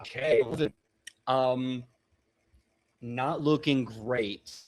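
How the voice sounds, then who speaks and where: A man's voice: mid-range voice, drawn-out words. A man narrating as game master of a tabletop game, laid-back and full of fillers.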